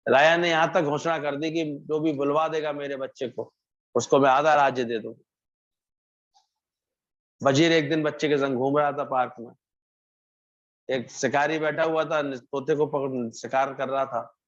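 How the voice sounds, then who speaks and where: A satsang preacher delivers a devotional sermon in a slightly high, steady voice, speaking at a measured pace with long pauses. He tells a parable, acting out the characters' lines and repeating phrases for emphasis. The recording is muffled and lo-fi.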